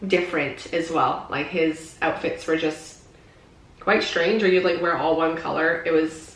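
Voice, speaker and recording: Low-voiced woman in her twenties, echoey. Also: fairly even intonation, a little slow, a bit bright. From British Columbia, Canada. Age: 20s. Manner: chatty, reads out questions. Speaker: vlogger, youth missions worker. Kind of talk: casual Q&A chat.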